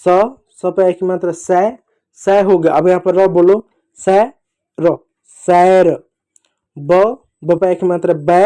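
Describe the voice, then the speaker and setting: A man teaching young children to read in a slow, patient way. He repeats each sound, asks the children to echo it and calls them dear children. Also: high voice, steady tone, dark tone. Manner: addresses children fondly. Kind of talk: children's reading lesson.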